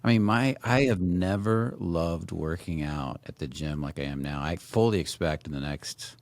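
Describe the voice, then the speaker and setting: Very deep gravelly enthusiastic man. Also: moderate pace, no echo. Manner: enthusiastic, rambling, many fillers. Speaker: podcast host. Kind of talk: casual interview chat.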